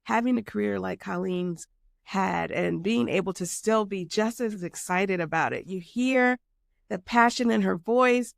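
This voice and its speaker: Woman podcast host, gravelly edge, encouraging, affirming, dry close mic. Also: mid-range voice, measured pace, no echo. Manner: warm-toned encouraging interviewer, short affirmations. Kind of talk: conversational interview.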